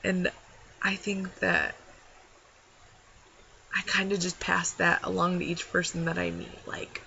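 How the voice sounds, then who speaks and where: A young woman speaks openly to the camera, rambling and heartfelt with lots of fillers. Her voice is bright with a gravelly fry at the ends of phrases. The audio is dull and lo-fi with a faint hiss behind her. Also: lowish voice. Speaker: vlogger. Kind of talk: personal talk to camera.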